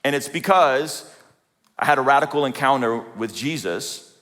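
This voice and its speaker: A man in his forties from Azerbaijan shares a joking, self-deprecating story with a live audience. His voice sits at a middle pitch. It carries a long reverb from a large hall. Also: expressive, normal speed, a bit bright. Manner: conversational, self-deprecating, asks the audience questions. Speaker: speaker at a church event. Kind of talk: humorous personal testimony talk.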